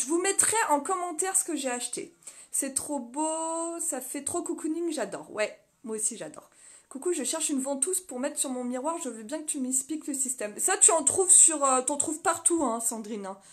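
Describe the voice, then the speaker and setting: A woman vlogger chatting casually on a live stream from her small home office, rambling with many fillers and laughing often. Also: high voice. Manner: laughs often, reads viewer comments aloud. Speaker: vlogger hosting a live video. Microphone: phone mounted on a stand.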